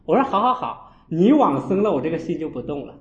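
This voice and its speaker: A man, a Buddhist monk, giving a storytelling dharma talk and acting out his own scolding with sharp jumps in voice. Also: a little high, sing-song, fast talker. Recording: echoey, dull lo-fi room.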